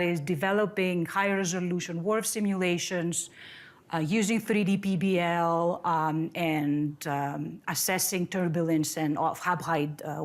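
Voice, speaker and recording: Friendly woman from Greece giving seminar. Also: fairly low pitch. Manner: friendly, conversational, with fillers and restarts. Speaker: seminar speaker, professor. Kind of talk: academic seminar talk. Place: lecture room, standing at a podium.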